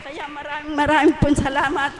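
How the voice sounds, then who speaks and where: A woman's voice: high voice, completely flat delivery, fairly quick, crowd noise. A woman in her sixties giving an earnest, polite personal testimony of thanks at a church gathering. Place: church hall. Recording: echoey hall with faint noise.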